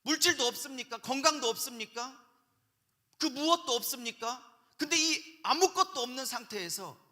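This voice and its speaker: Brief: male pastor, bright piercing tone, lively call-and-response preaching, big church hall reverb. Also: very high voice. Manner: animated, call-and-response with the congregation. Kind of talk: sermon lecture at a pastors' seminar. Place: large church sanctuary. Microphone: handheld microphone.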